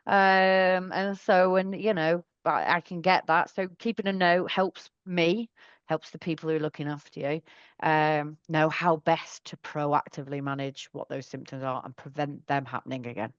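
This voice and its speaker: A woman's voice: low voice, fairly even intonation, normal speed, clean tone, no room sound, muffled recording. A woman working as a specialist nurse, answering questions in an online session in a chatty, thorough way, often correcting herself.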